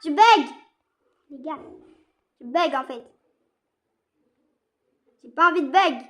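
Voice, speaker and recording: A young woman from France giving casual, excitable commentary while she plays a game online, repeating herself and using slang. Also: high voice, takes it slowly. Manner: slangy teen talk. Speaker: gaming streamer.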